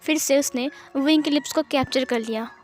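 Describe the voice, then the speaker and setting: High-voiced woman narrating a romance story. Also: a little fast, darkish tone. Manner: simple, chatty narration with asides to listeners. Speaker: fan-fiction narrator.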